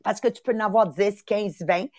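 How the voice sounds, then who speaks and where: A woman's voice: medium pitch, moderate pace, darkish tone, no room sound, studio quality. A woman hosting a motivational podcast, upbeat, repeating words for emphasis and slipping into English. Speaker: podcast host and coach. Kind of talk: motivational live talk.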